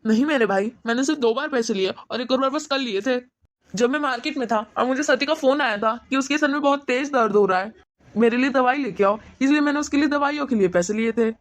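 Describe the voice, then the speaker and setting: A woman's voice: high-pitched, fast talker, lightly acted. Woman voicing a meek idle cartoon husband. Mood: defensive. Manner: pleading, defensive, soft-spoken. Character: idle grown son and husband, meek and apologetic. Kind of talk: animated cartoon voice acting.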